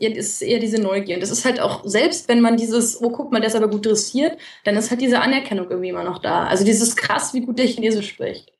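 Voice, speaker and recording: A woman co-hosting a podcast in casual conversation, rambling and correcting herself. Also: on the high side. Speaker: podcast co-host. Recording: roomy, distant from mic.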